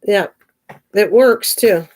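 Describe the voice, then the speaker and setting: Taking it slowly, a woman in her sixties with a mid-range, slightly mellow voice hosts her craft livestream. She's chatty, drifts as she talks, and answers viewers' comments by name.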